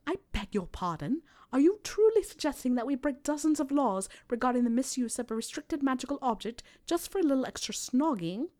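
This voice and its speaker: A woman reading aloud, voicing a clever, bossy teenage witch who is prim and quick to lose patience. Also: fairly high pitch, big pitch swings, darkish tone, pitched above the performer's own voice. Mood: exasperated. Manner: prim, exasperated, quick-tempered.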